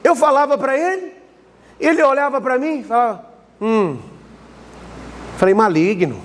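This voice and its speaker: High-voiced Brazilian pastor preaching. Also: male voice, lively intonation, quick pace, fairly bright tone, long reverb tail, a little hiss or hum. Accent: Brazilian Portuguese. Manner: dramatic storytelling, acting out dialogue. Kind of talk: sermon. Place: church service hall.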